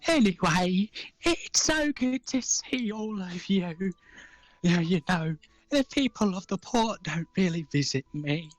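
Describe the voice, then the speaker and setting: Man putting on a slow, frail, shaky old woman. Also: sits high, lively intonation, no echo, pitched above the performer's own voice. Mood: gentle, welcoming. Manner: slow, hesitant, doddering, gently fussy. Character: frail, short, hunched old human woman, kindly and welcoming. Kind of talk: tabletop role-play character voice.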